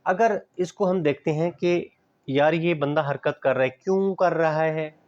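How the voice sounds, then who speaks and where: A man's voice: on the high side, measured pace, darkish tone, highs cut off. A man giving a classroom lecture on physical education, explaining patiently with everyday examples, mixing in English terms and checking that students understand.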